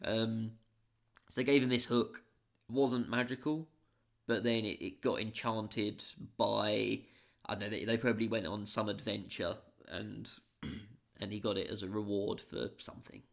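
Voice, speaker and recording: A podcast co-host with a fairly low, gravelly voice and little pitch movement brainstorms a fantasy story at a measured pace. The worldbuilding chat is casual and rambling, packed with fillers and restarts.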